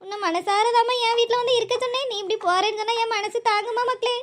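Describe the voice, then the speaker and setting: A woman's voice: very high voice, steady tone, fast talker, slight background noise. A woman voicing a kindly older village mother in a cartoon, soothing and pleading. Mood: consoling. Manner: soothing, pleading, repeats endearments. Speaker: cartoon character.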